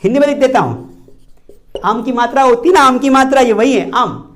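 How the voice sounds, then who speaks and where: A man's voice: very high-pitched, animated, moderate pace, a bit bright. A man with a Hindi accent teaches spoken English in a classroom-style video lesson. He keeps asking his students questions and then answers them himself. He repeats each key word to drive it home.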